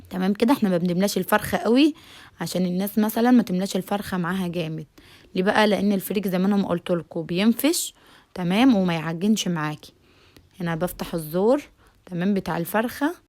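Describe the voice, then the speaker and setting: Fast-talking Egyptian woman cooking host. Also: medium pitch, a little mellow. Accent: Egyptian Arabic. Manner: chatty, repeats "tamam" often, addresses viewers directly. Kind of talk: home cooking tutorial.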